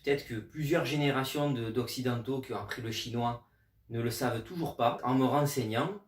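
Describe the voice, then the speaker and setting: A man teaching a language lesson, patiently explaining rules and slowly spelling out letters. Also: medium pitch. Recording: echoey room, mic at a distance.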